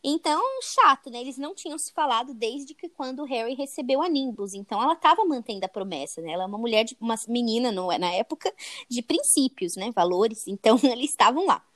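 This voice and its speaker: Retelling a book chapter casually, a young woman co-hosting a podcast speaks in a Brazilian Portuguese accent and keeps adding "né?" to her sentences. Her slightly high, somewhat bright voice moves quickly with lively intonation, and there's no room sound.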